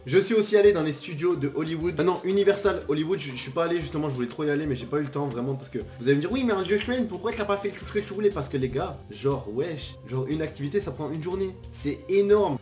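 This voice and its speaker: A young man tells travel stories for a vlog, and he talks in a slangy, jokey, animated way with a lot of exaggeration. His voice sits a little high, with light music playing behind him. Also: fast, hardly any pauses. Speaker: vlogger. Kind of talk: casual storytelling vlog.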